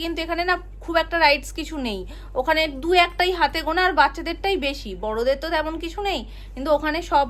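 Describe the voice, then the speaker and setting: A woman's voice: high-pitched, fairly bright tone. A woman, chatting casually to her viewers in a vlog. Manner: chatty, talks to a small child in a singsong voice. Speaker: vlogger.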